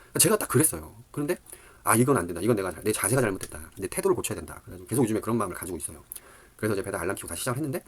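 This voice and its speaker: A middle-aged man who lectures on dating, telling a rambling story in a casual monologue, full of fillers and animated asides. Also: lowish voice, rapid-fire, slightly rough.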